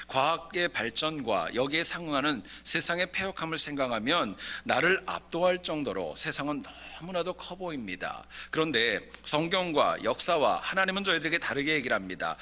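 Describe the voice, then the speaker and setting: A man's voice: medium pitch, pushed and bright. A male pastor giving a Sunday sermon in a church, mixing folksy jokes with scripture. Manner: folksy jokes with dialect impressions before scripture. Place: church sanctuary.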